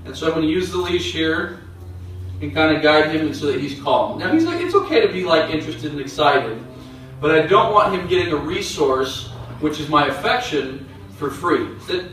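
Man teaching calmly in a very echoey room. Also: on the high side, normal speed, soft background music. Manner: calm, explanatory, coaxing commands to a dog. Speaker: dog trainer. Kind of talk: instructional demonstration. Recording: very echoey room, distant mic.

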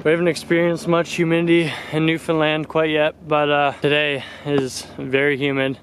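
A young man vlogging a casual trip, chatting upbeat to a camera held at arm's length as he hikes outdoors on trails and coastal lookouts. His voice is a little high with a completely flat delivery at normal speed, and there's a slight hiss or hum.

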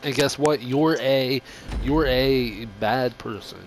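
A man's voice: medium pitch, slow pace, a little hiss or hum. A man hosting a casual let's-play, joking around and exclaiming as he plays a horror game mode. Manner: joking, exclaims and laughs often. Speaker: gaming channel host.

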